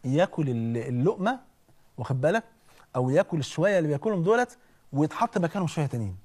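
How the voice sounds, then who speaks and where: A man with an Egyptian accent preaching in an animated, conversational storytelling way, often checking in with listeners. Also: fairly high pitch, racing, husky. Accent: Egyptian Arabic. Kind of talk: storytelling sermon.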